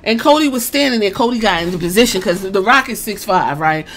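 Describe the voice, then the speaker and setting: A woman excitedly retelling a wrestling press conference in casual, profane storytelling, acting out what each man said. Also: medium pitch, fairly quick, slight background noise. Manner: excited, swears a lot, acts out quotes.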